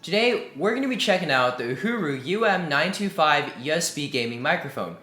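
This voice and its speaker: Man, tech reviewer, upbeat, fairly high voice, echoey room, faint music behind. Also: lively intonation, a little fast, pushed and bright. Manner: upbeat, enthusiastic. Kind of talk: scripted product review. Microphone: desk USB condenser mic. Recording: roomy echo, faint music.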